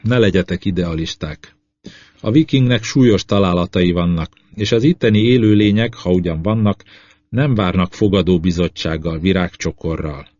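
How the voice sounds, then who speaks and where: A man's voice: sits low, a little mellow, no echo. A man voicing a sour, sarcastic spaceship commander in an audiobook. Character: skeptical male spaceship commander. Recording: slightly dull lo-fi audio.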